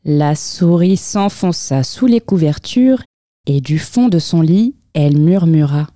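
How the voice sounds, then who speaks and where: A woman reading a children's picture book aloud as storyteller, with expressive, lively storytelling in a close, dry room. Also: deep voice, measured pace, no room sound.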